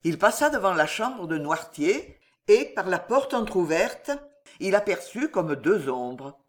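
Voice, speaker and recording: An expressive audiobook narrator with a mid-pitched voice that rises and falls a great deal. The reading is dramatic and slows down at tense moments, giving weight to each line. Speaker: audiobook reader.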